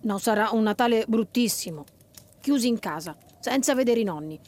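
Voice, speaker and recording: A woman's voice: a little high, lively intonation, normal speed, darkish tone. A woman voicing a sulky, frightened young boy in a read-aloud children's story, anxious and whiny. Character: scared, sulky young boy, the older brother.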